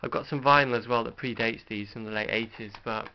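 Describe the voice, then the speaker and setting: A middle-aged British man hosts a casual, unscripted show-and-tell vlog, showing off a collection in a hesitant, rambling, understated way. His mid-range voice is steady and a little fast. The dull lo-fi home recording has slight background noise.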